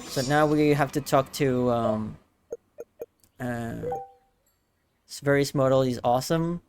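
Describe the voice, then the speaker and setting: Male streamer, casual chat, hesitant and stammering, clear game music behind. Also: mid-range voice, takes it slowly, darkish tone.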